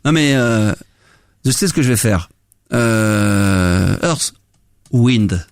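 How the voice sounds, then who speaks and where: A man's voice: on the low side, animated, slow, smooth, no echo. A man hosting a free-form radio show from a studio, talking in a rambling, hesitant, chatty way with casual swearing. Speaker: radio host.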